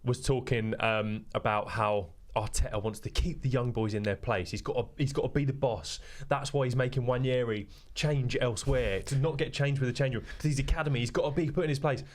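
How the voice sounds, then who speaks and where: A man's voice: medium pitch, fairly even intonation, brisk, few pauses. Blunt young man, sweary banter. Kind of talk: casual chat.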